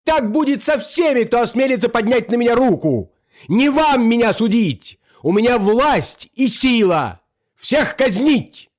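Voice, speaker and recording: A man's voice: very high-pitched, big pitch swings, unhurried, voice pushed up, exaggerated voice. A man reading an audiobook, voicing a furious, treacherous male usurper who screams his orders. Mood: raging. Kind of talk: audiobook character voice.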